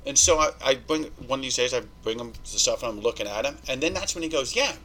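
A man's voice: mid-range voice, fast, a little hiss or hum, low-quality recording. A man telling a story as a podcast guest in casual, profane talk, acting out the people he quotes. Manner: animated, profane, acts out quoted dialogue.

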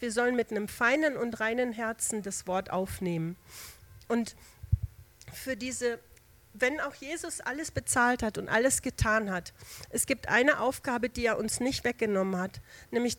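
A fairly high-voiced woman preaches a relaxed, chatty sermon, pausing with fillers and restarting her sentences. The sound is dry and close, with no room echo. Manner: homely, conversational, with everyday examples and fillers; restarts and hesitations. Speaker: lay preacher. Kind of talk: informal sermon.

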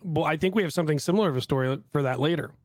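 A man from Texas hosts a casual podcast, animated and quick to laugh as he acts out other people's lines. His voice sits a bit high for a man. The recording is close and dry, with almost no room sound. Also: dry recording. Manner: animated, laughing storyteller who acts out quotes. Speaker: podcast host. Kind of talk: casual chat.

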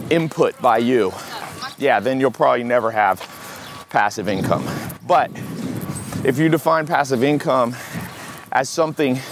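An American man hosting a podcast in casual solo talk while walking briskly outside. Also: medium pitch. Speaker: podcast host. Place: outdoors in a city park, on the move. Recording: outdoor city noise, traffic hum. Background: street and outdoor city ambience with vehicles.

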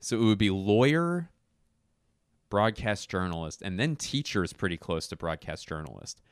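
In an expressive, rambling chat, a young man keeps breaking off for quick asides and starting over. His voice is deep, smooth and resonant, recorded close and dry without echo. He mocks himself but sounds sure of himself throughout.

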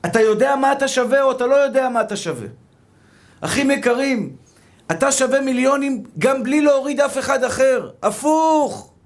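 A man giving a sermon as a rabbi, emphatic, repeating rhetorical questions and calling his listeners brother. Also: extremely high pitch. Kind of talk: sermon to a live audience.

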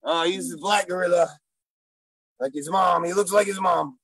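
A man voicing a gruff, silly male gorilla who wants to be a stand-up comic, talking in broken English with loud bursts. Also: sits high, moderate pace, no room sound, exaggerated voice, low-quality recording. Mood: boastful. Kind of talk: improvised comedy character interview.

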